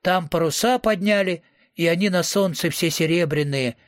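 A man's voice: high voice, normal speed, no room sound, studio quality. A man reading a story aloud in first person, in a slangy, wisecracking, profane voice. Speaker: audiobook reader.

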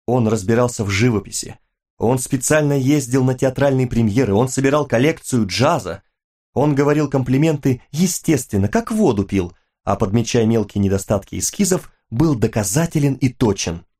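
Man with a mellow, measured reading voice. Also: mid-range voice, expressive. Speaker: audiobook narrator. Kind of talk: scripted narration.

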